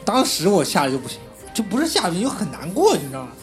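A man recounts his stories in a casual podcast chat, talking fast and swearing freely. His pitch leaps and dips all over the place. Music is clearly audible behind him. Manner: rapid, animated storyteller who swears freely.

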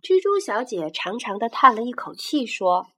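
A woman narrating a children's story serial in an expressive, animated way. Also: a little high, normal speed, husky.

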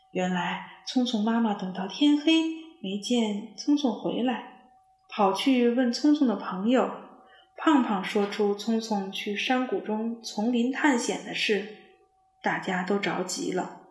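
Slow, expressive woman storyteller. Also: fairly high pitch, echoey room. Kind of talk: children's story narration.

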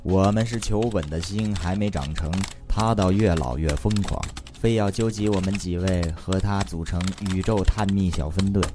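Comic storyteller, man, Beijing accent, deep voice, wry mock-formal introductions, recorded with clear noise and keyboard clicking. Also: normal speed, few pauses. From Beijing, China. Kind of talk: comic scripted narration.

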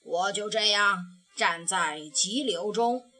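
In a children's storybook reading, a woman voices a kind, patient old grandfather bear. Her mid-range voice is pushed down, and she speaks gently, with sighing pauses.

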